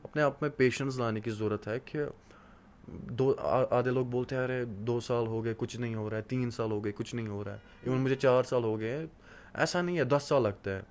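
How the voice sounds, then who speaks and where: A man's voice: mid-range voice, moderate pace. Earnest young man from Kashmir. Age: 20s. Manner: earnest, motivational, repeats key points with many hesitations. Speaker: guest. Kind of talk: casual interview talk.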